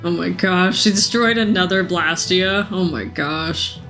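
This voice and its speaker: A woman's voice: on the low side, fairly bright tone. Chatty woman streamer over game music. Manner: chatty, self-mocking, laughs often. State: sick, rough voice. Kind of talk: casual let's-play commentary.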